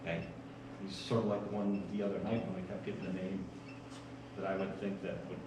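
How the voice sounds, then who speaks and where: A man chatting casually and haltingly, often repeating himself as he recounts things. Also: low voice, little pitch movement. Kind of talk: casual chat. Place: large indoor bowling alley. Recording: echoey room, distant mic, noisy.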